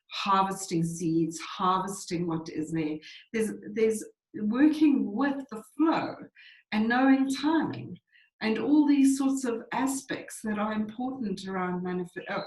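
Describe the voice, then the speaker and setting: A woman's voice: medium pitch, reverberant, poor audio. A woman presenting a spiritual teaching webinar in a reflective way, repeating phrases for emphasis.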